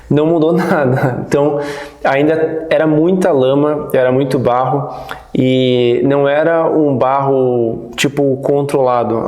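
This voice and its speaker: A man in his thirties, born in the United States, recalling his childhood as a guest in a relaxed, rambling interview. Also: medium pitch. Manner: relaxed, rambling, many restarts. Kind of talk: casual interview storytelling. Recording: roomy echo.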